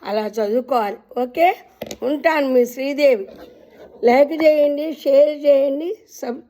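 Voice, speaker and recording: Woman teacher, high and unhurried, chants letter names in a long sing-song and speaks gently to her viewers. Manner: gentle, addresses listeners as amma. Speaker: Telugu alphabet teacher. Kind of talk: slow teaching recitation.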